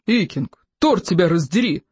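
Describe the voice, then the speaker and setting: A reader voicing a gruff, irritable older Viking trainer who shouts and scolds, in an audiobook. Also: mid-range voice, animated, normal speed, dry recording. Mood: scolding.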